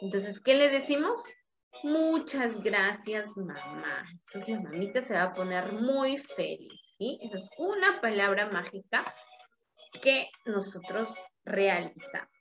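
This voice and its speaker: A woman teaching young children in a slow, patient lesson. She coaxes them along, checking in after nearly every phrase. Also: medium pitch, big pitch swings, a bit bright. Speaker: preschool teacher. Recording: dull lo-fi recording with faint music.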